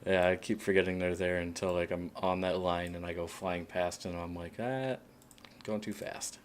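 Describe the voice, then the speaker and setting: A man streaming a game, chatting casually with other players in a relaxed, hesitant way with many fillers. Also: sits low, fairly quick, a little hiss or hum. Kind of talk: casual voice chat while playing.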